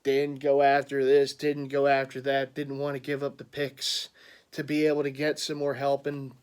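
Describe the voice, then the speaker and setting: A man's voice: medium pitch, monotone, normal speed, clear, resonant tone. A man, rambling through a casual sports vlog full of stammered restarts and chuckles. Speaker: sports fan vlogger.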